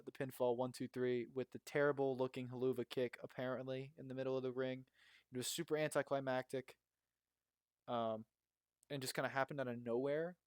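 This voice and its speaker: A man's voice: medium pitch, darkish tone, clean tone, dry recording, clean studio sound. A young man co-hosting a casual wrestling review podcast, rambling with lots of fillers and cheerful swearing. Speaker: podcast co-host. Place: makeshift home recording spot.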